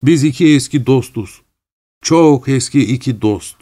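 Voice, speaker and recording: A man reading an audiobook, voicing a fawning middle-aged widower who speaks in a shrill, affected, theatrical way. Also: unhurried, mellow, lightly acted. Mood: gushing. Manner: gushing, theatrical, overly familiar.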